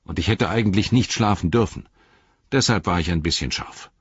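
A man voices a loyal, plain-spoken male hobbit, speaking bluntly in a raised, lively, deep voice that's brisk and slightly rough. The recording is slightly dull, with no echo.

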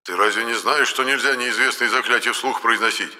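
A man gives voice to a grumpy ghost skeleton who speaks bluntly and crudely. The tone is bright and sharp, and a long hall reverb trails each line. It is a character in a read-aloud audiobook. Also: medium pitch, brisk, pitched above the performer's own voice. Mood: gruff.

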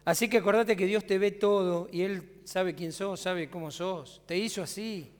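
His voice sits high and moves at a normal pace, echoing with a long reverb tail through the church sanctuary. The man, an Argentine pastor with a Rioplatense accent, preaches conversationally and asks his congregation rhetorical questions.

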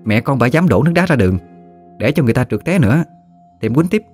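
A man's voice: medium pitch, lively intonation, quick pace, a little mellow, breathy edge, pitched above the performer's own voice. A man voicing a hot-tempered young woman who scolds shrilly. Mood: cocky, brash. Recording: faint music behind.

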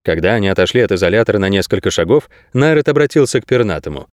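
A man narrating an audiobook in a steady, expressive storytelling manner. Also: on the low side, racing, no echo, studio quality. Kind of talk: scripted narration.

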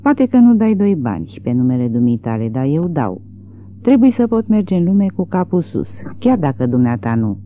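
A reader voicing a huge, enraged grown son who shouts in indignant bluster, on tinny phone-like audio. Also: medium pitch, big pitch swings, slight background noise, lightly acted.

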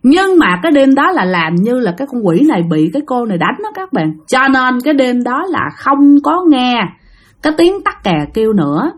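A woman with a Southern Vietnamese accent tells a ghost story in a chatty way, speaking straight to her listeners and acting out the characters' voices. Her voice sits high with big pitch swings, at a normal speed.

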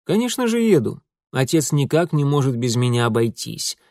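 A man's voice: medium pitch, sing-song, moderate pace, darkish tone, dry recording, clean studio sound. A man voicing a cool, guarded young hero who speaks with control.

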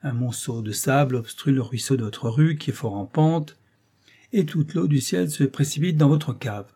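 A man reading an audiobook, voicing a mild-mannered but sly elderly bailiff's clerk who speaks gently and insinuatingly. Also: mid-range voice, moderate pace, slightly rough, pitched above the performer's own voice. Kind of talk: audiobook character voice.

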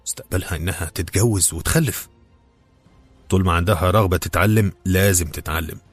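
A man's voice: low-pitched, fairly quick, soft background music. A man doing a curt, proud Egyptian husband. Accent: Egyptian Arabic. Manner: curt, calm, bitterly sarcastic. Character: proud, curt older Cairene husband fallen on hard times.

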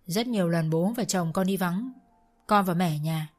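A woman's voice: fairly low pitch, moderate pace, darkish tone, soft background music, close to an everyday voice. A woman voicing a young daughter-in-law who stammers and pleads to defend herself. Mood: pleading.

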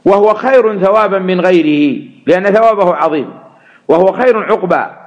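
Man, high pitch, religious lesson, measured, repeats key words. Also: dull audio. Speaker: Quran tafsir teacher. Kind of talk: religious lesson explaining verses.

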